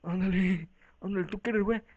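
This talk show parody dub is rowdy and profane, with a Mexican-accented speaker handling every part and jumping from voice to voice. The voice is mid-range, steady, brisk, and somewhat dark, captured in lo-fi sound.

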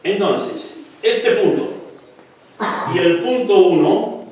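A man's voice: high voice, expressive, slow pace, a little mellow. Man lecturing in an echoey hall. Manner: explanatory, repeats syllables to demonstrate. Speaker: guest lecturer on singing technique. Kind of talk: live lecture with demonstrations. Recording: echoey hall, distant mic, faint noise.

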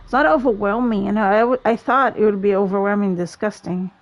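A woman's voice: medium pitch, steady tone, a little fast. A young woman livestreaming a game from home, chatting casually and playfully with teammates and laughing often. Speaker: gaming livestreamer. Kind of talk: casual live gameplay chat. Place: home, in a gaming chair.

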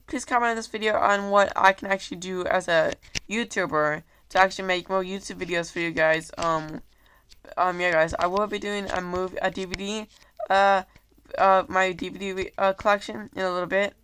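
Suffering from a cold, a male YouTuber at home talks aimlessly into a handheld camera, apologizing, using lots of fillers, and addressing everyone as "guys." His voice is high and sharp, with a little hiss or hum.

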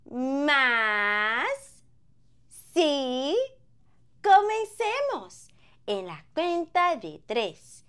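A woman teaching small children, singing and talking slowly in a playful sing-song way, with animal sounds and gentle shushing. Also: high-pitched. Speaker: preschool Spanish teacher.

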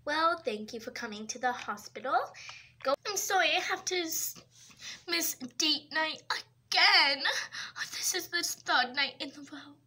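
A woman's voice: sits high, a little slow, bright, forceful tone. A woman performing every character in a homemade toy-pet hospital short, switching from whispers to squeals. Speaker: toy video maker voicing all characters. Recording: faint background hiss.

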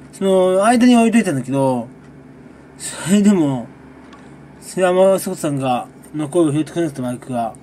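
This is a relaxed monthly recap from a gaming creator whose voice is a bit high, drifting from topic to topic and laughing softly between sips of his drink. Some light background noise can be heard.

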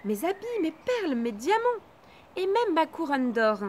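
A woman voicing a spoiled young princess in a read-aloud fairy tale, with high, exclaiming lines. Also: sing-song, unhurried, darkish tone, slight background noise. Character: spoiled young princess, tearful then eager.

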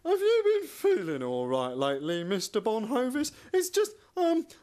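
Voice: medium pitch, huge pitch swings, moderate pace, dark tone. A performer voicing a chummy, laid-back monkey in a kids' puppet show, with a matey manner. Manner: matey, jolly.

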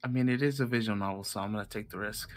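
A man's voice: fairly low pitch, rapid-fire. A man joking around with friends during a game session, laughing often and using playful slang. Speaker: streamer friend. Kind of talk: casual gaming chat.

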